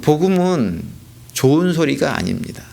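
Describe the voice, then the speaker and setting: A man's voice: a little high, big pitch swings, normal speed, vocal fry, a little mellow. A man preaching a sermon as a pastor, asking rhetorical questions and repeating key points for emphasis. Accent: Korean. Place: church sanctuary.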